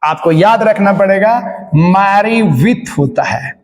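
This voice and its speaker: High-pitched hindi-accented guy teaching english, slow and drawn out, echoey hall with long reverb. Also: expressive. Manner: repeats each phrase, translates English into Hindi, drawn-out exclamations. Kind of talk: exam-prep lesson in Hindi and English.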